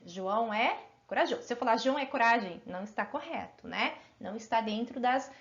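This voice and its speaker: High-voiced woman teaching grammar, encouraging. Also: lively intonation, vocal fry, fairly bright tone, highs cut off. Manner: encouraging, asks pupils frequent check-in questions; stretches out example words slowly. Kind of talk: grammar lesson for children.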